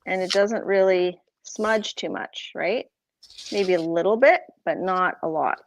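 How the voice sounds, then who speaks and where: A woman's voice: lowish voice, unhurried, no room sound. A woman with a Boston accent casually explaining her craft prints, rambling with lots of fillers and self-corrections. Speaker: craft livestream host.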